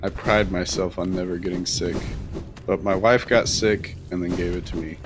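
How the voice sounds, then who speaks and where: A man with a cold, his voice hoarse and fairly low, calls a live game in a relaxed, joking way. Faint music plays under his voice. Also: moderate pace. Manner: joking, laughs often. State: sick, hoarse. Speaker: commentator. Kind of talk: casual game commentary.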